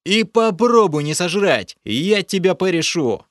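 A man voicing a short-tempered male adventurer in an audiobook, yelling and threatening. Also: medium pitch, big pitch swings, extremely slow, no room sound, clean studio sound, voice pushed up, heavily acted. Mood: furious.

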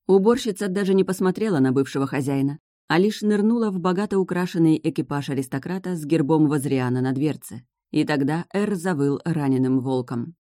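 An audiobook narrator reading a fantasy novel in an even, measured storytelling manner. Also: medium pitch, dry recording. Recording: dry close studio sound.

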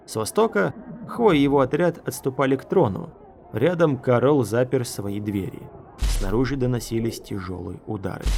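A man narrating an audiobook in a measured storytelling manner. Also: mid-range voice, a little mellow, a little hiss or hum.

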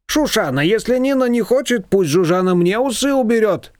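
Storybook figure: man playing a gossipy haggling shopkeeper lady, high and lively. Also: no echo, clean studio sound. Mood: bargaining. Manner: bargaining, chatty, drawn-out. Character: haggling middle-aged female confectioner, gossipy and sly.

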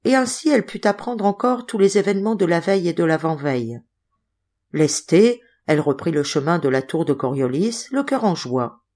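A woman reading a classic novel aloud, in measured, expressive storytelling. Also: lowish voice. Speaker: audiobook reader. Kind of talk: literary audiobook narration.

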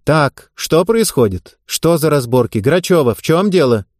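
A man's voice: a little high, animated, moderate pace, no room sound, studio quality. Man playing a stern, commanding woman coach. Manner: sharp, commanding. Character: stern woman gymnastics coach, strict and irritable.

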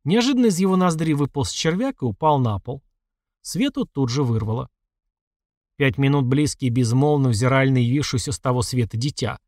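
A man narrating a horror audiobook with expressive, lively delivery. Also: mid-range voice, a little fast, dry recording, studio quality.

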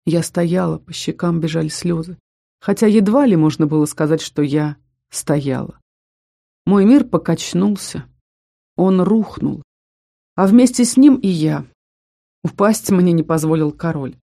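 A woman reading a first-person fantasy audiobook. Her voice is warm and mellow. Her storytelling is even and heartfelt. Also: lowish voice, moderate pace, creaky, no room sound, studio quality. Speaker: audiobook narrator.

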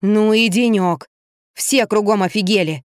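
A woman's voice: medium pitch, dry recording, clean studio sound, close to an everyday voice. A woman reading an audiobook, voicing a brash young boy who speaks bluntly and emphatically. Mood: indignant. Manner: blunt, indignant, slow and emphatic.

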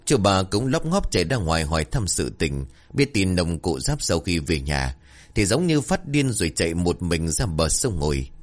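A man narrating a folk horror tale in a steady, measured way. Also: low voice. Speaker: storyteller. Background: faint music.

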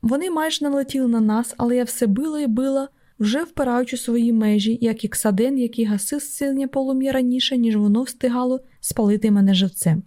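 A woman narrating an audiobook in the first person, with steady, measured reading. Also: a little high. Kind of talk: scripted narration.

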